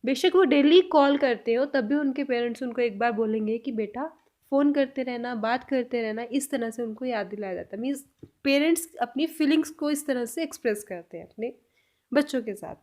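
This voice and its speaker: A woman teaching a spoken language lesson, saying each example sentence slowly and repeating it before she explains it. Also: on the high side, darkish tone.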